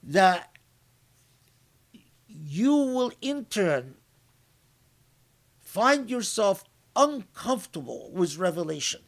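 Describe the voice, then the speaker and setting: A man giving an unscripted religious lecture, reflective and halting, often restarting his sentences and reciting short Arabic phrases before explaining them in English. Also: sits high, big pitch swings, gravelly. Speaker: scholar giving Quran commentary.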